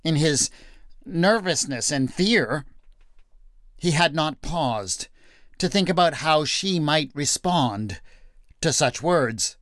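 A man narrating a retold Bible story in a measured, gentle storytelling manner. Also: a little high, expressive, no echo, clean studio sound. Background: faint background music.

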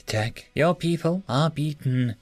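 A man voicing a patient male interrogator who speaks quietly and evenly. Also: takes it slowly, no room sound, soft background music. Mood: coaxing. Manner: quiet, low-key.

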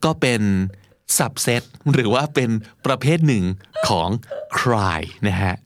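Lively man teaching English. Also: medium pitch. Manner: lively, switches between slow drawn-out English and brisk explanations. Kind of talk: English lesson, bilingual.

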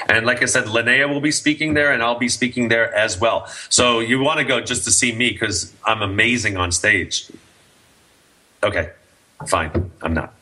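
Bright, forceful male host, enthusiastic. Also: mid-range voice, low-quality recording. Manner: enthusiastic, jokey. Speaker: host of a business coaching show. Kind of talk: casual chatty talk.

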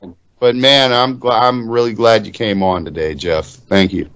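A man's voice: lowish voice, fairly even intonation, moderate pace, fairly bright tone, clear, resonant tone, no room sound. A man hosting a podcast, chatting in an easygoing, welcoming way with his guest. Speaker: podcast host. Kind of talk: casual chat.

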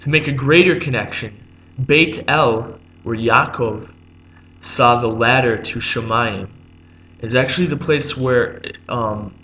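Man giving a halting religious lecture, dull lo-fi. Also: medium pitch, fairly bright tone. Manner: halting, many "um"s, repeats and glosses terms. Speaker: religious teacher. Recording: dull lo-fi recording with faint hum.

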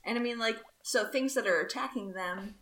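A woman co-hosting a gaming podcast, pitching silly ideas in a playful deadpan way. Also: normal speed. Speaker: podcast co-host. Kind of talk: casual chat. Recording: echoey room with faint noise.

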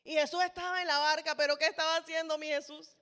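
High, bright woman preaching. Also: level tone, fast talker. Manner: impassioned, rising to emphatic rhetorical questions. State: sweaty, toweling off. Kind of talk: sermon. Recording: long reverb of a large hall.

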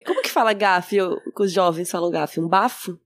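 A woman co-hosting a casual book podcast, joking and quick to tease. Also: fairly low pitch, no echo, clean studio sound. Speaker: podcast co-host. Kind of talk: casual book-discussion chat.

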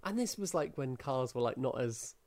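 A woman's voice: very deep voice, lively intonation, moderate pace, darkish tone. A woman co-hosting a podcast in casual chat, teasing dryly with short replies. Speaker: podcast co-host.

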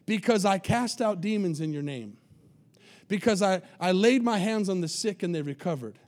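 A man's voice: high-pitched, animated, normal speed, darkish tone. A pastor delivers his sermon with emphatic repetition. He keeps checking in with the congregation to make sure they are following him.

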